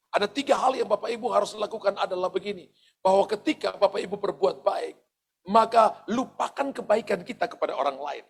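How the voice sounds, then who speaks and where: Gravelly high-voiced male pastor preaching. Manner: addresses the congregation directly, with asides and chuckles. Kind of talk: sermon. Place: church service.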